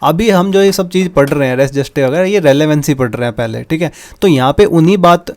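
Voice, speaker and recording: A man's voice: a little high, fast, a little mellow. A man teaching a law lesson, often checking understanding with "theek hai" and mixing English legal terms into his Hindi explanation. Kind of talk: explaining lecture with examples.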